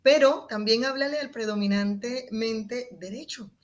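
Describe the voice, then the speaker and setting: A woman's voice: fairly high pitch, unhurried. A woman explaining her public speaking method as an interview guest, shifting her tone and volume to demonstrate. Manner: expressive, varies volume and tone to demonstrate.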